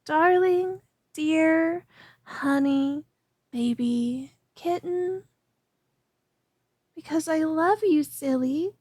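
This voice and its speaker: A high-pitched woman draws out her words and leaves long pauses, her tone darkish, in clean studio sound with no room sound. Performing a scripted ASMR roleplay, she plays a young alchemist who rambles chattily while working, then turns obsessive and clingy.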